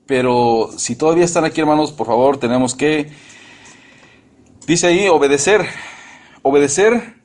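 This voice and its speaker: A man's voice: a little high, moderate pace, pauses often, darkish tone. A middle-aged man preaching a sermon in a church, emphatic and often repeating or restarting his phrases.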